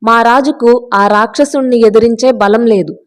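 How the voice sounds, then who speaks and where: A woman's voice: fairly high pitch, normal speed, natural voice. A woman reading a grieving old Brahmin man. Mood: weary explaining. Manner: lamenting, pleading. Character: grieving poor Brahmin man, older, pious.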